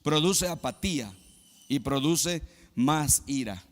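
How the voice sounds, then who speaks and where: A male pastor from Mexico preaching a sermon, moving between loud emphatic exclamations and quiet low asides. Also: lively intonation, slow pace, in a large hall.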